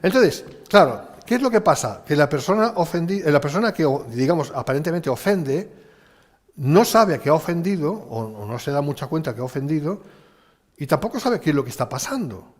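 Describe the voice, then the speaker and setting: A man's voice: fairly high pitch, very animated, fairly quick. A man preaching a conversational sermon, asking rhetorical questions and acting out short exchanges. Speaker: pastor. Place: church hall. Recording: church hall with long reverb.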